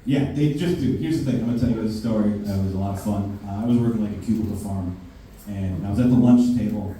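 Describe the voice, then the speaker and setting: Ranting brashly and with plenty of profanity, a stand-up comedian works a live audience in a basement club room. He's a fast talker with a fairly low, dark voice, picked up by a far-off mic in a very echoey room with faint hiss.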